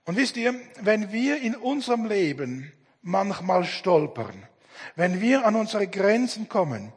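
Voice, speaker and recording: High-voiced husky preacher in a hall. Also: male voice, very animated. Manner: earnest, dramatic pauses, acts out quoted dialogue. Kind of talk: sermon. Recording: long hall reverb.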